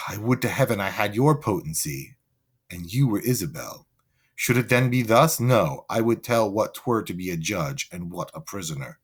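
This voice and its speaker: A stern, unbending male judge speaks low and slowly, with every word weighed and cold, as a man reading the play puts him on. The tone is lively in its rise and fall but never loses its severity. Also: slightly rough. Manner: stern, serious, measured.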